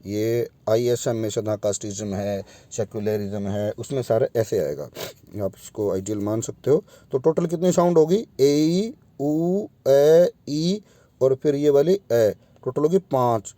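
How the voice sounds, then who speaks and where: A man's voice: medium pitch, a little slow, warm tone, no room sound. A man teaching English pronunciation in a video lesson, spelling out vowel sounds one by one and addressing his students directly.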